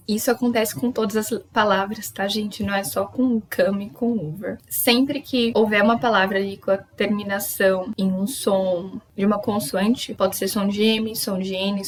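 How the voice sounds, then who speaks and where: A young Brazilian woman giving a pronunciation lesson, explaining step by step and slowly repeating model words. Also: medium pitch, rough recording. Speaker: English teacher.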